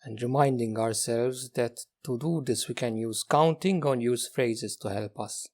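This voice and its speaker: Gentle and unhurried, a man in a mid-range voice leads a guided meditation as its teacher, separating his phrases with long pauses.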